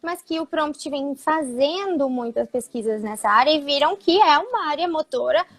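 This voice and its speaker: A woman's voice: sits high, animated, moderate pace, a bit bright. A woman speech therapist, explaining patiently in a live talk, with frequent fillers.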